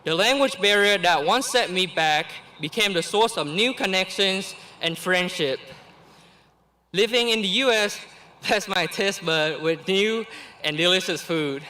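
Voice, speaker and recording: Here the graduating student, an earnest Vietnamese man in his late teens, delivers the commencement address from a prepared text. Vietnamese is his first language, and his voice is high with a sharp edge. He speaks deliberately and sincerely, with small laughs between phrases.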